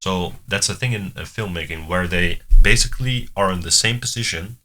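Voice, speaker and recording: A man's voice: low-pitched, moderate pace, sharp tone. A man hosting a music reaction video, chatting casually and explaining at length with many restarts. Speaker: reaction channel host. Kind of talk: casual chat.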